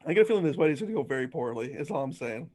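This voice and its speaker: Wry, higher-voiced man at the table. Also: lively intonation, very fast, a little mellow. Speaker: player. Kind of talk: casual table chat.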